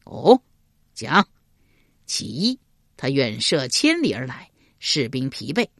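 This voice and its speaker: A woman voicing a shrewd, calm male minister in a spoken historical novel, laying out plans step by step. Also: a bass voice, takes it slowly, dry recording, clean studio sound, pitched below the performer's own voice, exaggerated voice. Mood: measured.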